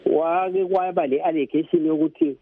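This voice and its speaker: A man's voice: fairly high pitch, fairly even intonation, moderate pace. A man with a Zimbabwean Ndebele accent, close to Zulu, calling a radio phone-in over a telephone to give his political opinion. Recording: tinny, narrow phone line.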